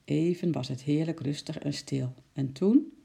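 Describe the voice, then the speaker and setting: A storyteller reading a children's story aloud in a calm narrating voice. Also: mid-range voice, unhurried, gravelly, husky.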